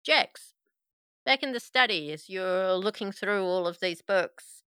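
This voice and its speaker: Bright, wry woman running a tabletop game. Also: medium pitch, a little slow, clear, resonant tone, dry recording, studio quality. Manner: wry, sarcastic. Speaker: game master. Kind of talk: narrating a tabletop game, casual banter.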